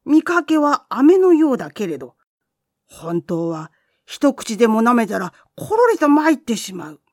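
A stingy old Buddhist priest barks his warnings in a husky, swooping voice, as a woman storyteller puts him on. He speaks slowly and harshly, recorded close in a dry room. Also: a little high, very animated, no echo. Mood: stern warning. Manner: gruff, scolding, shouting.

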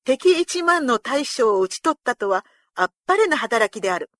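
A proud older feudal lord barking orders and praising his men, voiced by a woman reading a storybook. The voice stays dry and close, with lively swings as he commands. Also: mid-range voice, normal speed, no room sound. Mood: commanding. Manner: commanding, gruff and pleased.

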